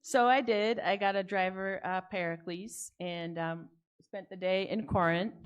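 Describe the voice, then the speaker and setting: A woman pastor in her forties preaches from a pulpit microphone in a church. She moves between thoughtful, measured reflection and chatty personal stories told to her congregation. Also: mid-range voice, fairly even intonation, smooth, muffled recording. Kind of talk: sermon. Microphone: speaking at a pulpit microphone.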